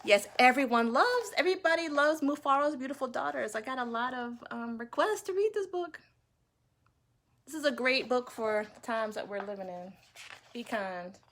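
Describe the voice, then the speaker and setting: A woman teacher reading a storybook aloud to children, breaking off for chatty, joking asides. Her voice sits fairly high and friendly, shifting from lively narration to casual talk. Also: normal speed. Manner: chatty, playful asides to kids. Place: home.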